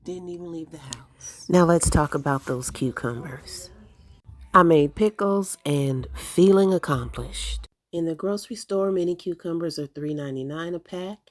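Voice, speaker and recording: A middle-aged woman with a low voice and moderate pace gives a casual walkthrough vlog of her backyard garden. She's a home gardener who chats enthusiastically with viewers while she works.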